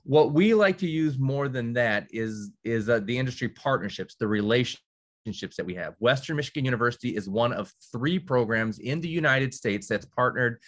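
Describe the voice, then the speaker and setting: Over a video call, a college representative addresses counselors in a conversational virtual presentation. His medium-pitched voice is expressive and fairly bright at a normal pace, and his talk is peppered with fillers, restarts, and the occasional dry sarcastic remark.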